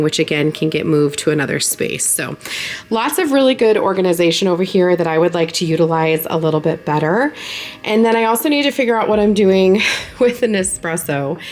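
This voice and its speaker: Low-voiced woman, nasal from a sinus infection. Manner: chatty and friendly, with fillers. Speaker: home organizing vlogger. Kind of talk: casual voice-over narration.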